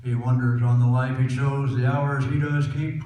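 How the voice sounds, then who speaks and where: A man's voice: mid-range voice, level tone, moderate pace, lo-fi sound. A man with a cowboy twang recites folksy poetry to a live audience. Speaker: cowboy poet. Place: echoey room before a laughing audience. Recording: echoey hall from far off, loud noise.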